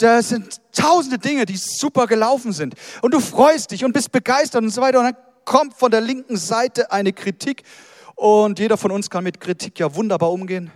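A man preaching a sermon as pastor, animated, acting out people's inner voices as he goes. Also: high voice, dry recording, clean studio sound, in a large hall.

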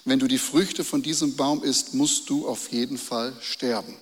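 A man's voice: mid-range voice, steady tone, moderate pace, in a large hall. A man preaching a sermon and reading Bible verses, repeating key phrases and asking the listeners rhetorical questions. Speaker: pastor.

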